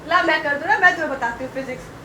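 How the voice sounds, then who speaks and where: Brief: woman vlogger, high voice, teasing and bossy, noisy home recording. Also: rapid-fire. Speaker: vlogger pranking her sister. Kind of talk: casual prank vlog. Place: home, indoors.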